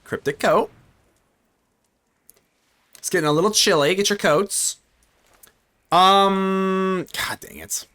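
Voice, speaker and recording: A young gaming streamer offers casual live commentary on a card game, joking, animated, and chatting with himself and his viewers. His voice is high and unhurried, broken by long pauses.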